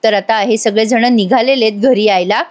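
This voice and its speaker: A chatty woman with a fairly high voice recaps a TV soap episode in voice-over. She talks directly to her viewers and slips into the characters' lines as she goes. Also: brisk, darkish tone. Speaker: TV serial reviewer.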